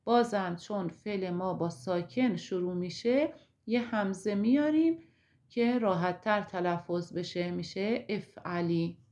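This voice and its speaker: A woman with a Persian accent, teaching an Arabic grammar lesson slowly and step by step. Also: mid-range voice, a little mellow. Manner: slow, deliberate, explaining step by step.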